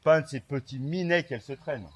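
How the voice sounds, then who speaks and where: A man's voice: medium pitch, fast talker, husky, natural voice. A man rehearsing an amateur play, playing a blunt, scornful grown son who schemes over his mother. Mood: scheming.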